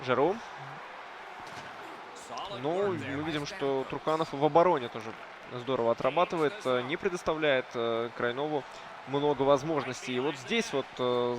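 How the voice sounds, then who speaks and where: A man giving live play-by-play commentary on an esports hockey match, often hesitating between phrases. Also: mid-range voice. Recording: crowd noise behind. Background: crowd noise.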